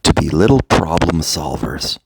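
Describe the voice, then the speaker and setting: Speaking as a meditation coach, a man delivers guided, motivational words deliberately, in short phrases with long pauses. His gravelly, husky voice is extremely low and sing-song, with a noisy background behind it.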